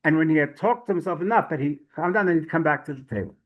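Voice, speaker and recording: Animated, higher-pitched man telling stories. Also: fast, lo-fi sound. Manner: chatty storyteller, frequent restarts, lively pitch swings. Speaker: rabbi teaching a Torah class. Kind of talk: storytelling Torah lesson.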